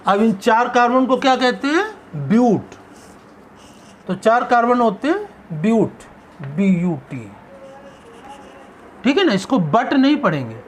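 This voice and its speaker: A man's voice: extremely high pitch, slight background noise. A male chemistry teacher giving a classroom lecture. He poses questions and answers them himself, stretching out the key terms.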